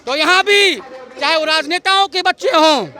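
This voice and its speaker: Protesting male teacher candidate, street interview, high bright voice, rhetorical and fervent. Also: normal speed. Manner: impassioned, rhetorical questions.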